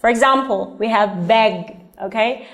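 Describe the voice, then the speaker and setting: Slow, high-voiced woman teaching grammar. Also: fairly bright tone. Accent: Vietnamese. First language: Vietnamese. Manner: slow and deliberate, checks in with "all right?" and "okay?". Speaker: English teacher. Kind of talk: grammar lesson.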